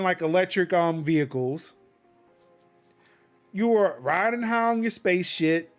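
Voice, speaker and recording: Male tech podcast host, higher voice, profane off-the-cuff rant. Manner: ranting, profane, with fillers. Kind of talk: casual commentary.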